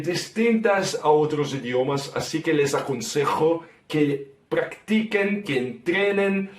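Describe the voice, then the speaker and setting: A man with a Brazilian Portuguese accent, a native Portuguese speaker, slowly teaching vowel sounds and repeating example words. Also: fairly high pitch, reverberant, far from the mic. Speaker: guest teacher. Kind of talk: language lesson.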